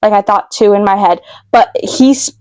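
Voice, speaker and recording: A woman vlogger retelling a vivid dream to camera, emotional and halting, with many fillers and restarts. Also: mid-range voice, darkish tone, dry recording. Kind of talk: casual storytelling to camera.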